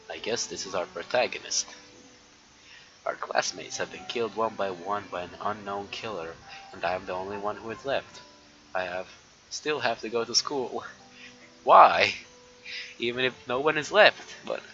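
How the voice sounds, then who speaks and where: A live streamer with a lowish voice plays a game, chatting casually with viewers at a measured pace with long pauses. He swears now and then and reads story text aloud, and his dull lo-fi mic picks up background noise.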